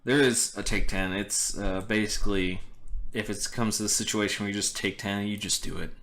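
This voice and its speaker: A man narrating as game master, relaxed and amused, explaining rules with fillers. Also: lowish voice, moderate pace.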